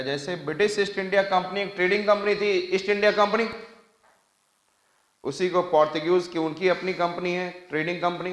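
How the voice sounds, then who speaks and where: A man's voice: high voice, a bit bright, echoey room, low-quality recording. A man with an Indian accent teaching an exam coaching class, emphatic and quizzing students to repeat after him. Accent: Indian English. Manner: emphatic, asks class to repeat, mixes English and Hindi.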